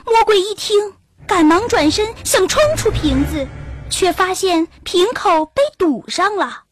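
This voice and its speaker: High-pitched woman telling a children's story. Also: unhurried. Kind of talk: scripted storybook narration. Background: faint background music.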